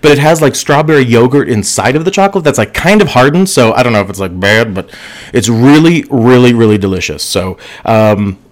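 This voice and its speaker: A man's voice: medium pitch, expressive, brisk. A man hosting a casual livestream show, chatting playfully and giggling often, talking through a headset microphone. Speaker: host. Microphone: slim headphones with microphone.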